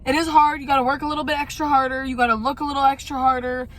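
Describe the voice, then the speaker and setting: Young female vlogger, high voice, candid rambling chat, background noise. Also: flat delivery, rapid-fire, fairly bright tone. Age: young adult. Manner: candid, rambling, mild swearing. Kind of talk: casual chatty life-update vlog.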